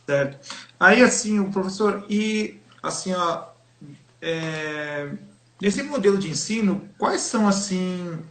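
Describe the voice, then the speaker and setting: A man with a high voice interviews in a live online chat and speaks slowly. He hesitates and fills his questions with many fillers. His voice comes from an echoey room. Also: animated, fairly bright tone.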